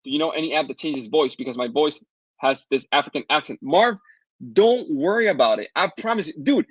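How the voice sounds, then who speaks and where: Caribbean guy w spanish accent doing a fast webinar sales pitch, kinda husky, dull dry audio. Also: animated, dry recording. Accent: Latin American Spanish. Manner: fast, upbeat sales pitch answering chat questions. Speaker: online course seller hosting a webinar. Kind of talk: live webinar Q&A.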